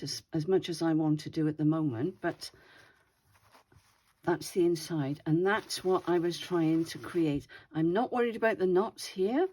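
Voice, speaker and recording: An older woman who hosts craft videos shows off her project at home in a casual show-and-tell chat. Her lowish voice is dark and slightly wheezy, and she's chatty and meandering, correcting herself as she goes.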